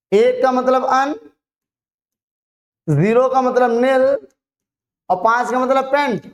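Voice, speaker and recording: In an online chemistry lesson, a teacher with a mid-pitched voice poses each question aloud and answers it immediately. Key terms are spelled out and repeated slowly so students remember them.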